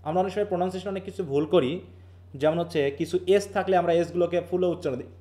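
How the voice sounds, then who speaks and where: A man's voice: sits high, rapid-fire, mellow. Man teaching a live class. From Bangladesh. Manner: explains patiently and keeps quizzing students; mixes English terms and sentences into his talk. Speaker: English linguistics teacher. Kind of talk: live online class lecture.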